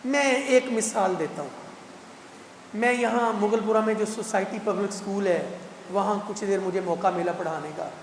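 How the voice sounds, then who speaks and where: A man, giving a lively mosque talk at a Quran gathering and putting playful rhetorical questions to the congregation. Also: high voice, a little hiss or hum. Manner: animated, teasing rhetorical questions to the crowd. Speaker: guest speaker at a Quran completion gathering. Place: large mosque hall. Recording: echoey mosque hall with long reverb.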